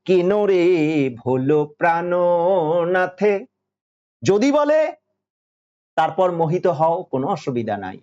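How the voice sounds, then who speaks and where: A man with a Bengali accent giving a devotional sermon, slow and insistent, repeating phrases and singing verses. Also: high voice, darkish tone, muffled recording. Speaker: spiritual teacher.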